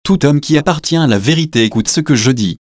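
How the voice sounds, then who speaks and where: A man reading the words of Jesus, a calm grown man facing death, in a slow, solemn scripture reading. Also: on the high side, dry recording, studio quality, natural voice.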